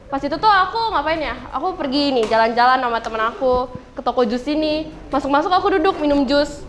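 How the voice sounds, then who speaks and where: Very high-voiced chatty student comic. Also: female voice, expressive, quick pace, fairly bright tone, slight background noise. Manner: chatty, giggly storytelling. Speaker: student comedian. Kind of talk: stand-up comedy.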